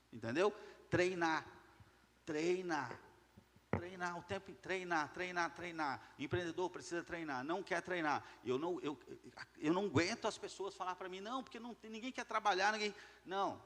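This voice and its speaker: Man, motivational speaker, emphatic and repetitive, slightly high voice, long hall reverb. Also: lively intonation, normal speed, a bit bright. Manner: emphatic, repeats key words, asks the audience questions. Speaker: business speaker addressing entrepreneurs. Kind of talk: motivational talk to a live audience.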